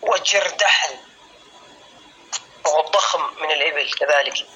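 A man teaching a classical Arabic lesson, slowly spelling out word patterns syllable by syllable and calling students by name. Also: on the high side, bright, forceful tone, a little hiss or hum, poor audio. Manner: addresses students by name, asks if clear.

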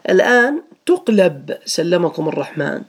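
A man's voice: high-pitched, sing-song, normal speed. A man teaching a grammar lesson to students, patiently repeating each rule and asking them questions.

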